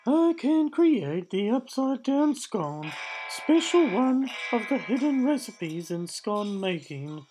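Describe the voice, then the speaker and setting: With music playing behind her, a woman plays a moustached, muscle-bound Swedish male secretary who is keen and overly helpful, speaking earnest, formal lines in a put-on Swedish accent. Her fairly high voice swings widely in pitch, unhurried and warm, but the audio is poor.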